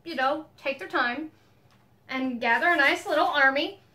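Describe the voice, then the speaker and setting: Bright, high-voiced chatty woman. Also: normal speed. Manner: chatty, laughs often, playful narration. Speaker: co-host. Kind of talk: casual chat.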